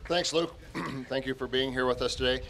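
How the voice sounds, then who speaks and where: A man introduces speakers at an outdoor event on a cold day. His voice is middle-pitched, his delivery halting and self-deprecating, and a faint hiss sits underneath. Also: fairly even intonation, fairly bright tone. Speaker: event emcee. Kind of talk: outdoor public remarks.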